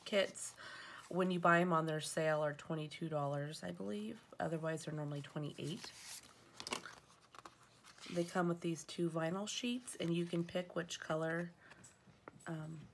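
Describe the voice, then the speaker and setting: Sniffly with allergies, a planner vlogger chats about her stickers at a table in her home, filling the casual show-and-tell with fillers and self-corrections. Her fairly low voice stays fairly even and unhurried, with frequent pauses. A little hiss or hum sits under the recording.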